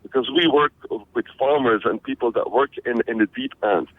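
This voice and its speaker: A man's voice: mid-range voice, brisk. Belgian-born man on a tinny phone line. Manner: energetic, many restarts and fillers. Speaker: interview guest, social media trainer. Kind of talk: radio interview answers. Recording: phone-like narrow band audio.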